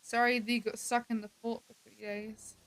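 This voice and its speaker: Chatty higher-voiced woman role-playing. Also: little pitch movement, normal speed, fairly bright tone. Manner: chatty, many "like" fillers. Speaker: streamer role-playing a character. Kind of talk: casual role-play chat.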